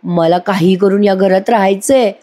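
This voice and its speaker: A woman's voice: mid-range voice, fairly even intonation, moderate pace, dark tone, lightly acted. A woman voicing a scheming young wife in a TV serial recap, whining and protesting in a raised voice.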